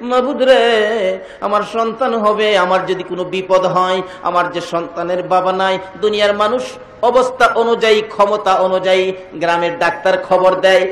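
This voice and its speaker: Preacher guy, sing-song waz sermon, high voice, big echoey hall sound. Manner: sing-song, swinging between loud calls and hushed lines. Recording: echoey hall over loudspeakers.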